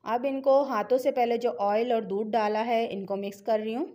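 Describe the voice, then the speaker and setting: A woman's voice: on the high side, steady tone, moderate pace, warm tone. Chatty Pakistani woman teaching a recipe. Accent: Pakistani Urdu. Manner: chatty, instructive, encouraging viewers to try the recipe. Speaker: cooking channel host. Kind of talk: home cooking tutorial voice-over.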